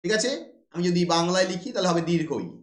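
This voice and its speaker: A man with a high-pitched voice gives a classroom lecture. He poses rhetorical questions and answers them himself. The sound rings around a roomy, echoey space. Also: steady tone, quick pace. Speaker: teacher. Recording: roomy echo.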